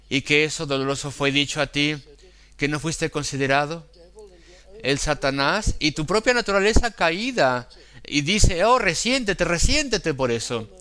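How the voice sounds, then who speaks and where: A man preaching a sermon, quoting scripture and acting out inner temptations, with slow, deliberate emphasis. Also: a little high, bright, forceful tone, smooth.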